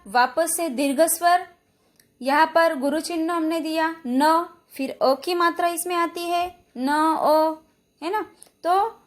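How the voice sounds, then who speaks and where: A woman teacher from India giving a recorded Hindi lesson, patiently explaining verse meter and stretching out syllables as she demonstrates. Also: high-pitched. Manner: checks in with frequent "है ना?". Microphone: phone or app voice recorder.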